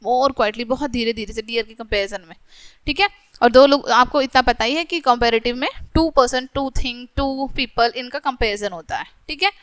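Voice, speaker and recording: Bright, crisp-voiced Indian woman teacher. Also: on the high side, no echo. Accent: Indian English. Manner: reads English examples slowly, then explains them, checking in with "ठीक है". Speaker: grammar teacher. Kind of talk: classroom lesson for children.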